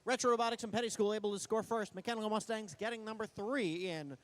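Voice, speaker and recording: A man giving live play-by-play commentary as an event announcer, in an excited delivery. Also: high voice, fast. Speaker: play-by-play announcer at a robotics competition.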